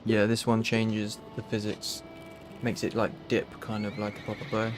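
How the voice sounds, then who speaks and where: A man's voice: lowish voice, completely flat delivery, normal speed, music in the background. A man with a London accent, casually reading through a list of game mods with a friend. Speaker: streamer. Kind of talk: casual gaming chat.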